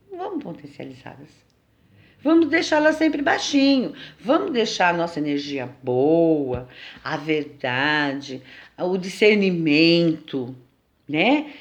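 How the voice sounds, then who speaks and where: A woman's voice: mid-range voice, highs cut off. Chatty Brazilian woman teaching. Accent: Brazilian Portuguese. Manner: conversational, lively, often asks "né?". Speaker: teacher at a spiritual temple. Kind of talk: informal spiritual lesson.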